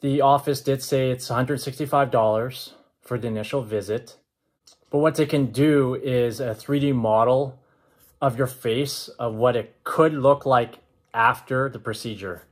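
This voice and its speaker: Man, thirties, mid-range pitch, measured vlog talk, matter-of-fact, recorded at home. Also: fairly even intonation. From Canada. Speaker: vlogger. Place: indoors, open-plan home with kitchen and stairs.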